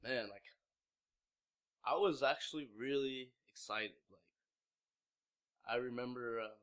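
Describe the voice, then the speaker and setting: Speaking at medium pitch and a measured pace, his tone is fairly bright. The interviewee, a mid-twenties man from Vietnam who started a young clothing label, rambles casually, leaning heavily on "like" and restarting his sentences again and again.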